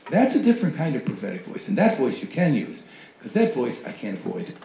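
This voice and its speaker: Man, panel speaker, wry conversational manner, mellow dark tone, echoey lecture hall. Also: medium pitch, wildly swooping pitch, brisk, creaky, slight background noise. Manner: wry, conversational, quotes voices in asides. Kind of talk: academic panel talk. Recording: roomy hall recording.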